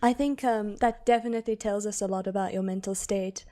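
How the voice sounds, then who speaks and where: A woman answers as an improv contestant with a mid-pitched voice. She hesitates and stumbles through ums and uhs. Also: fairly even intonation, a little fast, warm tone.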